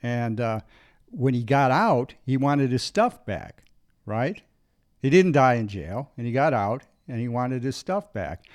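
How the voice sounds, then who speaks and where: Man, podcast co-host, casual reminiscing, relaxed storyteller, dry close sound. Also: mid-range voice, unhurried, dry recording. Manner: relaxed storyteller, frequent "right" and "uh".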